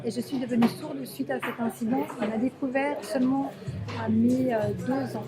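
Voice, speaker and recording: A woman sign language interpreter voicing an interview in the first person, halting and searching for words, in a café. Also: high-pitched, fairly even intonation. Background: loud music.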